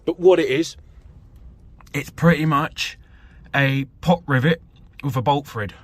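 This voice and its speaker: This British man's voice is a little high, and he speaks at a measured pace. A vlogger and amateur vehicle DIYer, he walks through his work casually and self-deprecatingly, rambling into a handheld camera in and around an off-road vehicle outdoors. His handheld phone or camera mic produces a noisy recording with vehicle ambience.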